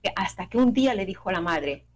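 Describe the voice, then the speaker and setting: A woman telling a children's folk tale aloud, with expressive, playful pacing and sound effects. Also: mid-range voice, quick pace, slight background noise, poor audio. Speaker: storyteller. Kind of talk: oral storytelling on radio.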